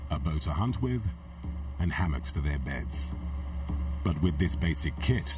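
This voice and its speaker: A man narrates a TV documentary in a very deep voice, reading from a script. Music plays clearly underneath and the voice sits slightly back from the mic. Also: sing-song, unhurried, distant mic.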